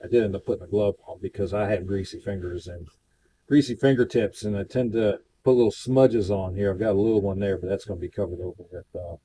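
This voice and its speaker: A man casually narrating his scale model painting, talking in a relaxed, rambling way with many fillers. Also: lowish voice, fast, slight background noise. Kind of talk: casual hobby tutorial narration.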